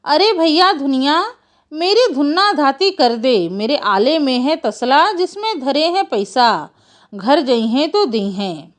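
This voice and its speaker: A woman's voice: sits high, lively intonation, takes it slowly. A woman voicing a sly female fox who coaxes villagers in a sing-song rhyme. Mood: coaxing. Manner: sing-song rhyming wheedle, sweet and coaxing. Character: sly female fox, smooth-talking trickster.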